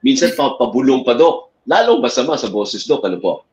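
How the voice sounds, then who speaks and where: Male TV co-host, playful, quick questions, lively pitch. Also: lo-fi sound. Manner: animated, joking, asks quick questions. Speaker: co-host, broadcaster. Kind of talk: lively talk show banter.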